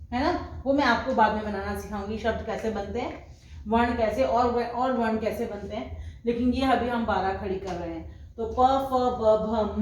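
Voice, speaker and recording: A woman teaching the Hindi alphabet, reciting syllables one at a time and patiently explaining how to write them. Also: a little high. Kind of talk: slow recited alphabet lesson. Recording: very echoey room, faint background hum.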